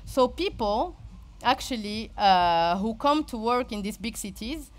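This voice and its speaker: A woman's voice: a little high, expressive. Woman, Moroccan accent, informal presenter; hesitant delivery that keeps circling back to find the right word. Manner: halting, searching for words, frequent repetition. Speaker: speaker giving a talk.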